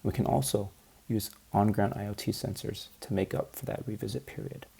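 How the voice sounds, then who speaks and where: A man's voice: lowish voice, fairly even intonation, a little fast, gravelly, warm tone, breathy edge. A tired man giving an unscripted practice presentation of his research, his words a little slurred.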